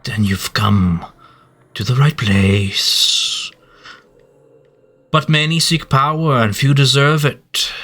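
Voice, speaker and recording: A man voicing a faceless statue guardian of a temple, its booming voice carrying from far off as he speaks slowly and commandingly. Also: a bit bright, full character voice. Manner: slow, grand, commanding delivery. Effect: booming voice echoing from a distant statue. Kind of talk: game master voicing a figure in a tabletop game.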